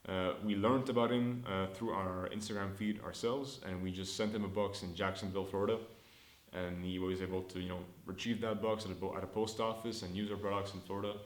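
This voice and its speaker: A startup founder in his early twenties from Montreal, Canada, whose first language is French, films a casual business vlog update on his own camera indoors. He sounds chatty and upbeat in a fairly low voice, a little fast with fairly even intonation, thinking out loud and restarting sentences. The room adds a noticeable echo.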